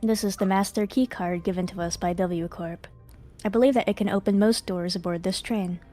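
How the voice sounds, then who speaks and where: 一位女性在游戏台词朗读中扮演冷静、正式而工于心计的女承包人，措辞严谨，背景有轻微音乐。. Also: female voice, medium pitch, steady tone, dark tone, natural voice. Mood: matter-of-fact. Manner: measured, formal phrasing. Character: formal, composed, calculating woman contractor. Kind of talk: dramatic live read of game dialogue. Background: faint music.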